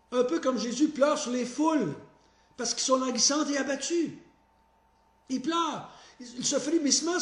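A man preaching a sermon, reading scripture aloud and rising in pitch to stress his points in an earnest way. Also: echoey room. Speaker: pastor.

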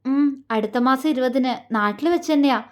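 Cheerful young woman in a storybook, friendly and polite, read by a woman, high voice. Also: moderate pace, close to an everyday voice.

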